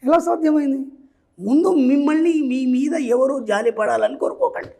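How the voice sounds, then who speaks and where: A man's voice: extremely high pitch, steady tone, moderate pace, mellow. A man giving a motivational spiritual talk as a teacher and counselor. He lectures directly and keeps asking whether his listeners understand. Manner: lecturing, often checks for understanding with repeated questions; gives direct instructions to listeners.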